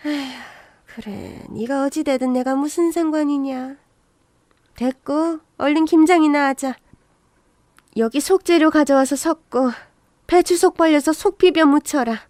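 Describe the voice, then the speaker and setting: A woman's voice: high voice, unhurried, darkish tone, no room sound, clean studio sound. Woman voicing a harsh, nagging old mother-in-law. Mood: scolding. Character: bossy scolding older mother-in-law.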